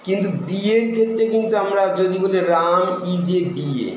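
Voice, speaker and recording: A man teaching an English lesson, walking through the rules one by one with lots of examples and reading each English sample slowly. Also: sits high, lively intonation. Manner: explains rules step by step with many examples. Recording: very echoey room with faint noise.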